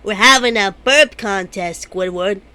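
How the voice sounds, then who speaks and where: A high-voiced cartoon sea sponge, acted out by a woman. He is childlike and playful, with lively swoops and very slow, halting delivery. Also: exaggerated voice. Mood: earnest.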